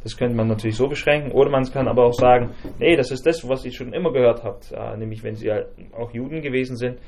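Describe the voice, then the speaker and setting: A man teaching a Bible study group, talking in a halting way with many fillers and restarts and asking the group questions. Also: mid-range voice, steady tone, darkish tone.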